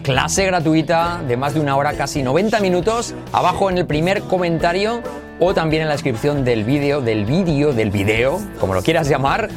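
Lively teacher drilling English phrases. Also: male voice, on the high side, music in the background. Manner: lively, repeats English phrases slowly for practice. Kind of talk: online English lesson in Spanish.

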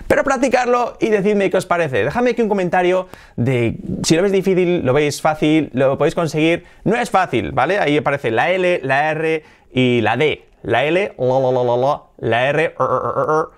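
A man's voice: fairly high pitch, normal speed. A man whose first language is Spanish, teaching English pronunciation in a playful way, exaggerating sounds and joking with viewers. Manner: playful, exaggerated demonstrations of sounds, frequent laughs; direct address to viewers, lively. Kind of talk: pronunciation lesson for a video channel.

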